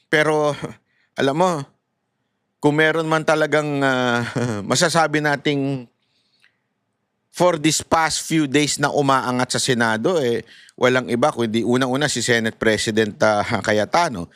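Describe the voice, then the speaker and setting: A middle-aged man with a Filipino accent giving animated, casual political commentary and laughing as he talks to his viewers. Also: mid-range voice, a little slow, smooth, no room sound, studio quality.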